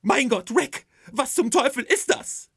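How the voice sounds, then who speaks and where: A man's voice: extremely high pitch, expressive, brisk, bright, forceful tone, no room sound, clean studio sound, pitched above the performer's own voice, exaggerated voice. A man voicing a furious, disgusted wife who shrieks and scolds her husband. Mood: shrill, furious. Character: shrill furious housewife, disgusted and commanding.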